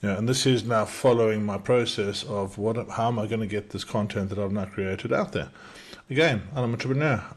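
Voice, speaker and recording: A middle-aged South African entrepreneur, his accent softened by decades in the UK, demonstrates software in a casual screen-share tutorial. He talks fast in a lowish voice, full of restarts and fillers. His webcam appears in a small circle over the screen recording.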